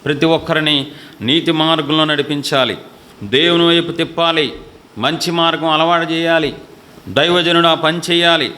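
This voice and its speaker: Male preacher, forceful bright tone, a little high, fiery scolding sermon with rhetorical questions. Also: fairly even intonation, normal speed. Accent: Telugu. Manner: scolding, rhetorical questions, acts out quoted voices. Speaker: pastor.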